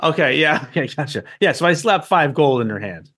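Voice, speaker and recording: Guy playing a tabletop game, keeps stammering, laughs a lot, lively voice. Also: fairly high pitch, brisk, husky. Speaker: player. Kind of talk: casual tabletop role-play.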